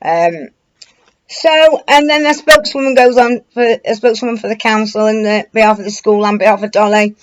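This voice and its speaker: A woman's voice: a little high, brisk. A British woman giving informal commentary to an online audience, rambling and colloquial, with a hesitant, searching delivery. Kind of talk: informal news commentary to camera.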